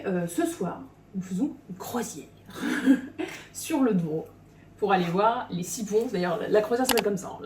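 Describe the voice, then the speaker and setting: Vlogueuse au timbre sombre, pièce résonnante. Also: female voice, mid-range voice, mellow. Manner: rambling, many hesitations. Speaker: travel vlogger. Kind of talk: casual vlog monologue. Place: apartment indoors. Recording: echoey room, from far off, faint noise.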